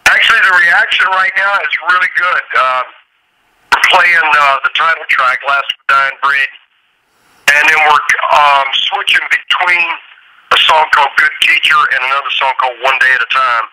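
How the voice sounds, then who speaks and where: A man's voice: a little high, moderate pace, sharp tone, a little hiss or hum. A man being interviewed over a phone line as a visiting musician, talking in an easygoing, rambling way with lots of fillers. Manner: easygoing, rambling, full of "uh" and "you know". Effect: heard over a phone line. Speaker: musician guest. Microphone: telephone.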